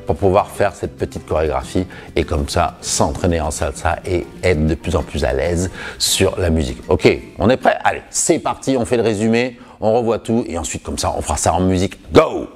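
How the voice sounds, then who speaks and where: Male dance instructor, low and expressive, slow steady delivery, counting out steps. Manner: lively, encouraging, counts beats with sung emphasis. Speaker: salsa dance teacher. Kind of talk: home dance lesson, counting steps aloud.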